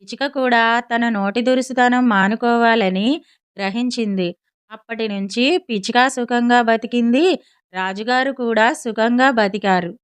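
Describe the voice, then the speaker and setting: Clear-voiced woman storyteller. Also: fairly high pitch, a little slow, no room sound. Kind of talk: scripted audiobook narration.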